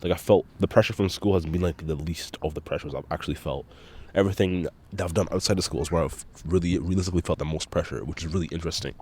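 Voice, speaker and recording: A man's voice: low voice, fast, darkish tone, slight background noise. A young man with a congested, nasal voice, rambling casually and swearing often as he hosts his own podcast. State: congested nose. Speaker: solo podcast host.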